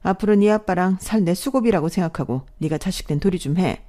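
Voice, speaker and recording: A woman's voice: fairly low pitch, brisk, warm tone, lightly acted. A woman voicing a greedy, brazen stepmother who talks in a pushy, demanding way, read as storybook dialogue.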